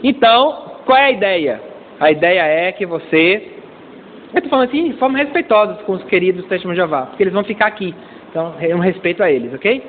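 A middle-aged Brazilian man preaching a lively, humorous sermon as a pastor, acting out small dialogues and calling for amens. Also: high voice, a little hiss or hum. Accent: Brazilian Portuguese. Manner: playful, acts out little dialogues, calls for amens. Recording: tinny lo-fi recording in a long-reverb hall.

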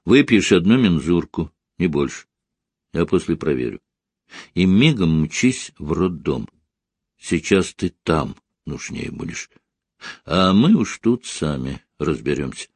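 A man voicing a fatherly older male doctor who calmly gives orders. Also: deep voice, a little slow, breathy edge, no echo, voice pushed down, full character voice. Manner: calm, fatherly, giving orders.

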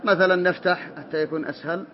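Man, grammar teacher, classroom lesson, high voice, quizzing students, faint background hiss. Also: steady tone, quick pace. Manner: drills students, calls on them by name and corrects them. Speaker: teacher of Arabic morphology. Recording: dull lo-fi classroom recording.

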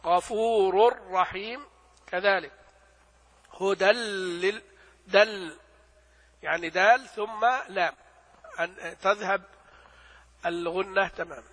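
A man with a high, bright voice gives a teaching lecture on a classical text. He poses questions and answers them himself, and drags out the worked examples slowly. The sound carries a long hall reverb. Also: fairly even intonation. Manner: explains by asking and answering his own questions, recites examples slowly. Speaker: religious teacher.

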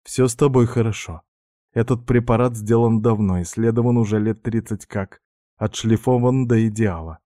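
A man's voice: lowish voice, normal speed, dark tone, no echo, clean studio sound, pitched above the performer's own voice, lightly acted. A man voicing a cool clever young woman doctor. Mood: reassuring.

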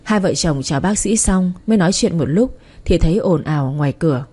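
A woman reading a first-person story in a calm, even way, over faint music. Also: fairly low pitch, a little fast, breathy edge. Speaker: narrator.

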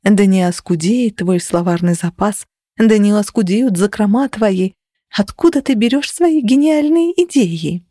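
A woman's voice: mid-range voice, lively intonation, unhurried, warm tone, no echo, clean studio sound. A woman voicing a sarcastic young heroine who mocks in a theatrical, servile tone in an audiobook. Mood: mocking. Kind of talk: audiobook character voice.

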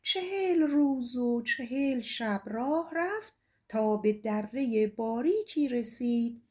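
A woman narrator reading a folk tale audiobook in a measured, expressive storytelling manner. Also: on the high side.

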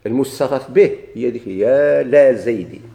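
Mellow-voiced Moroccan man teaching. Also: mid-range voice, normal speed, gravelly. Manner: asks questions and answers them himself, repeats key points. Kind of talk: Arabic grammar lesson.

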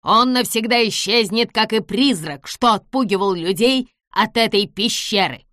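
A woman voicing a vengeful, gloating little old man who shouts and cackles in an audiobook. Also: medium pitch, moderate pace, dry recording, clean studio sound, natural voice.

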